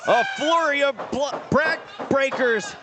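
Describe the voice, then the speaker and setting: Male wrestling commentator, very high-pitched excited play-by-play, shouted over a clearly audible crowd. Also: takes it slowly. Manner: shouted, high-energy calls. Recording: loud crowd and venue noise. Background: cheering crowd.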